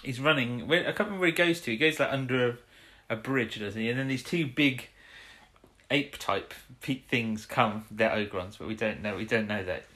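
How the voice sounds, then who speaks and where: Rambling podcast co-host, mid-pitched man. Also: fairly quick, sharp tone. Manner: rambling, self-interrupting, chuckling. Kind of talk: casual chat about an old TV episode.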